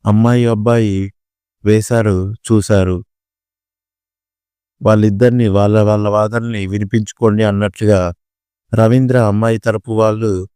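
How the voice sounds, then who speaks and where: A man narrating a family drama story in a steady, measured reading. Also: lowish voice, clean tone, no room sound, studio quality.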